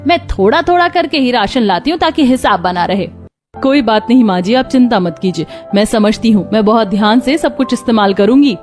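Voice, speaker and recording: In one voice, a woman plays the mother-in-law, the daughter-in-law, the neighbors and every other female role in a Hindi cartoon story. Her voice is a little high, animated and darkish, fairly quick in pace, with faint background music.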